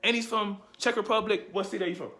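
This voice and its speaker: A man's voice: sits high, fairly even intonation, quick pace. A man chatting casually to camera for his vlog, full of whoops and greetings. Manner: hyped, loud whoops and greetings. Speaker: vlogger. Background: loud music.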